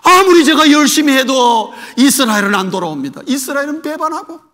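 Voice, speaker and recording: A worn-out prophet pours out his lament to God, pleading and complaining, as a male preacher acts him out. His high, bright voice swings widely between lines and rings through a hall with a long reverb. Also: lively intonation, brisk. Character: weary despairing prophet, adult man, lamenting.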